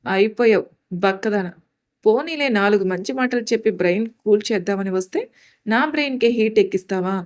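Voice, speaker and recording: A woman's voice: medium pitch, a little fast, close to an everyday voice. A playful young man teases and mock-scolds his cousin in a read-aloud story, as a woman narrator voices him. His tone is joking throughout. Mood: teasing.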